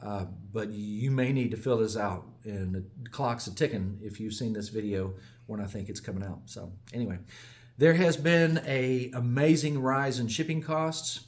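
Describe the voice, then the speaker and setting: A small business owner from the United States gives a casual, rambling update in a medium-pitched voice at normal speed. He digresses, often corrects himself, and chuckles along the way.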